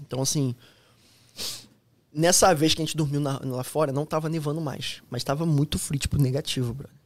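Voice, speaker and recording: Brazilian guy on a podcast, slangy and animated, highish voice, dry studio sound. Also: no room sound. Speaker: guest, former U.S. Army soldier. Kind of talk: casual anecdote telling.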